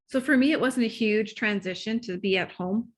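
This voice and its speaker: With a slightly high voice and a moderate pace, a woman relationship coach chats as an interview guest. Easily excited and quick to laugh, she sometimes drifts off her point.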